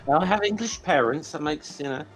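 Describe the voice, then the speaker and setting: A man in his forties with a broad Scottish accent, chatting casually as a panellist and often restarting his phrases in a halting way. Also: on the high side, animated, loud music behind the voice, rough recording. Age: 40s. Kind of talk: casual banter.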